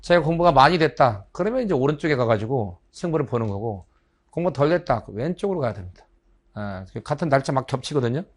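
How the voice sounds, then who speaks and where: A man's voice: mid-range voice, expressive, fast. A middle-aged man giving a lecture to exam students, chatty and joking, slipping into slang and acting out little dialogues. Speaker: biology instructor for transfer exam prep. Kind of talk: lecture with casual asides.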